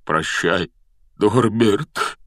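A man voicing a big, gruff, sentimental gamekeeper who blusters and fusses, recorded dry and close. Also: fairly low pitch, expressive, measured pace, no room sound. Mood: tearful hushed.

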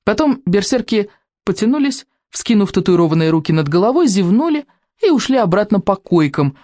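A woman narrates a storybook in an expressive, animated manner. Her pitch rises and falls in lively arcs at a middling level. The recording is close and dry, with no room sound. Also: fairly quick, dry recording.

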